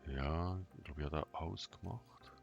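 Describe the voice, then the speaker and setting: Guy doing a game tutorial, super low creaky voice, totally flat and monotone, halting little bits. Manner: flat, monotone, emotionless delivery; hesitant, thinking aloud in short fragments. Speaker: gaming tutorial host. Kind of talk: unscripted game walkthrough commentary. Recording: dull lo-fi sound, music behind.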